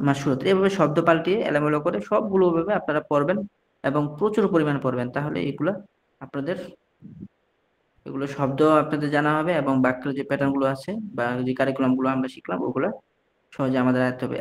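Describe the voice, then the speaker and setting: Guy from bangladesh teaching online class, reads a phrase then translates, lots of little restarts, normal middle pitch. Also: darkish tone. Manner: frequent restarts and mid-word corrections. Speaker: Arabic teacher.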